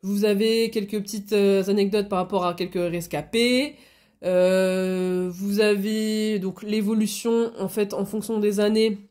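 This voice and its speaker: Stuffed up with a cold, a hobby vlogger talks casually, her speech marked by frequent hesitations and restarts. She has a mid-range voice with a steady, darkish tone and speaks a little slowly.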